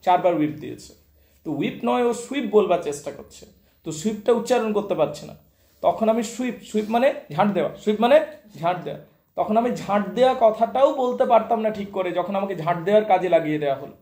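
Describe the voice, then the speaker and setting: A man's voice: high-pitched, expressive, a little fast, mellow. A male teacher in a classroom, going through a poem line by line, repeating each phrase and translating it for his students. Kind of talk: classroom poetry lesson. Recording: echoey room.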